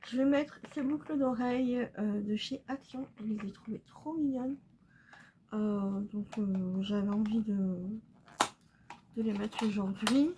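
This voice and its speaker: A young woman talking casually while doing her makeup at home, soft-spoken and halting, full of pauses and fillers. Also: mid-range voice, fairly even intonation, a little hiss or hum. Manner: hesitant, halting, many fillers; soft and subdued. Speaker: beauty vlogger. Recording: slightly dull recording, faint room ambience.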